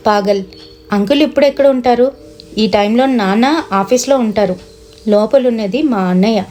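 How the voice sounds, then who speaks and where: A woman voicing a young woman, the narrator's pushy friend, who coaxes and teases in a higher, lightly acted voice. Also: normal speed, warm tone, natural voice. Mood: teasing.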